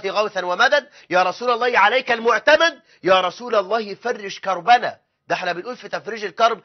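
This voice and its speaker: A man preaching a sermon in an Egyptian Arabic accent, impassioned and emphatic, stressing his points with oaths. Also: high voice. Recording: dull lo-fi recording.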